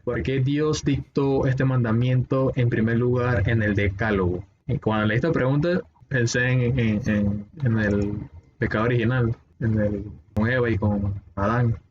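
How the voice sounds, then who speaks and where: A man's voice: medium pitch, fairly even intonation, a little slow. Hesitant man, noisy muffled audio. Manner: reflective, hesitant, with repeated words. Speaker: study group participant. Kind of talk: casual Bible study discussion. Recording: muffled lo-fi audio with clear background noise.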